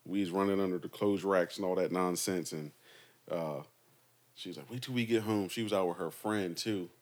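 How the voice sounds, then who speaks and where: Young man, fairly low voice, podcast co-host, casual chat, slangy and animated storytelling. He speaks in an easygoing way and keeps the stories rolling. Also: normal speed. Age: young adult.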